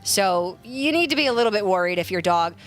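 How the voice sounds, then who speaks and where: A woman's voice: medium pitch, lively intonation, brisk, soft background music. A woman giving analysis of a card game tournament as co-caster, thoughtful and playful. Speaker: esports analyst. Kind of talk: color commentary.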